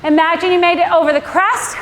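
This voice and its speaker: A woman's voice: very high voice, steady tone, fast talker, fairly bright tone. A middle-aged woman explaining a workout to riders as their indoor cycling coach. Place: indoor room with large windows, on a stationary bike. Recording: echoey room, clear background noise.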